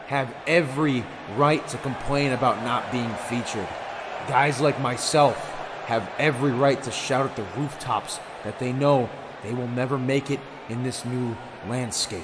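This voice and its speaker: A man delivering a dramatic professional wrestling promo in an intense, bitter, emphatic way with deliberate pauses. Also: medium pitch, noisy background.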